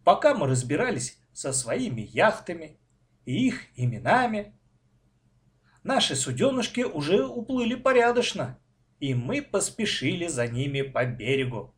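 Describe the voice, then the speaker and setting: Man reading a children's story slowly. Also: on the high side, very animated.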